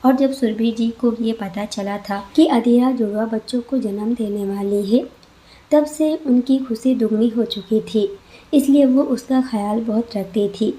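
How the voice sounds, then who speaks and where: A woman narrating a scripted story as a storyteller, in an even, expressive manner. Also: a little high, a little slow.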